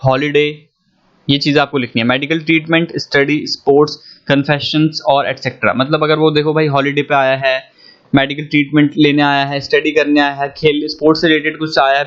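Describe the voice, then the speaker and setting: A young male teacher with a slightly high voice gives a casual economics lesson. He mixes with phrases and keeps asking whether his students follow. The sound is dull and lo-fi. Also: a bit bright. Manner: chatty, asks students if they follow. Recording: dull lo-fi audio.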